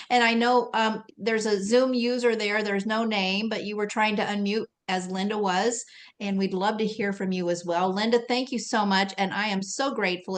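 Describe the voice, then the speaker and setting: Gushing woman hosting a call. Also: mid-range voice. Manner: effusive, gushing, praising. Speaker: host of the call. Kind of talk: enthusiastic church-flavoured chat.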